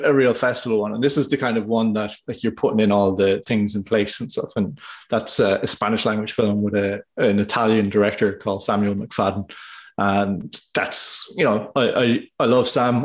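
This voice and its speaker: A man with a lowish voice talks informally as an interview guest. His phrasing is hesitant and halting, with words repeated as he goes. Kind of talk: casual interview chat.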